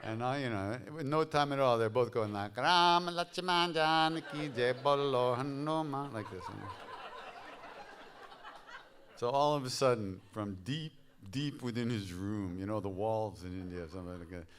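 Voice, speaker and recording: A man leading a live devotional workshop, telling stories in a relaxed, anecdotal way and chuckling at his own tales. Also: fairly low pitch, normal speed. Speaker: devotional chant leader and teacher.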